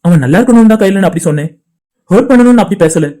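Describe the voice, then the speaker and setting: A man's voice: sits high, lively intonation, rapid-fire. A man voicing a remorseful cartoon young man. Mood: apologetic. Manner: soft, apologetic talk.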